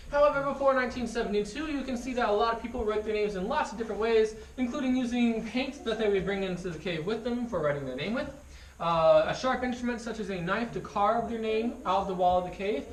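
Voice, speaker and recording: Woman tour guide echoing through a cave. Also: medium pitch. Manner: informative, lightly joking. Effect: cave echo. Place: inside a limestone cave. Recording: echoey cave, voice from a distance, tour group around. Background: tour group chatter.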